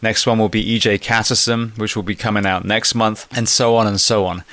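A man's voice: fairly low pitch, flat delivery, fairly quick, fairly bright tone, no echo. A man hosting a podcast interview, talking in an enthusiastic, conversational way. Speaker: podcast host.

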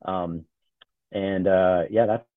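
A man's voice: low-pitched, slow pace, no room sound. A man in his forties, a podcast guest talking casually and loosely with lots of ums and uhs over a video call. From born in Ohio, grew up in Charlotte. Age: 40s. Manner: relaxed, rambling with many fillers. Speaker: podcast guest, nonprofit CEO. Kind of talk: casual interview talk. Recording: tinny phone-like call audio.

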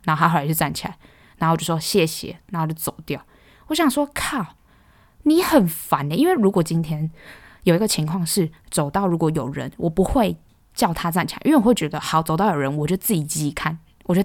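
A young woman with a Taiwanese Mandarin accent, hosting a podcast and ranting in a casual, exasperated, animated way. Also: low-pitched, fast talker, no echo, studio quality. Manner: exasperated, animated, exclaims loudly. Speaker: podcast host.

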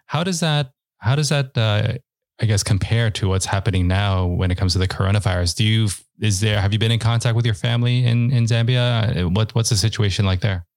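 Male podcast host, lowish voice, dry close sound, warm and encouraging, lots of restarts. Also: fairly quick, no room sound. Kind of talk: podcast interview.

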